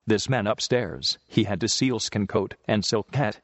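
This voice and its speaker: A man voicing an eager young farm son in a read-aloud story, speaking with quick authority. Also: fairly low pitch, dry recording, long reverb tail, dull audio. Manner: eager, commanding.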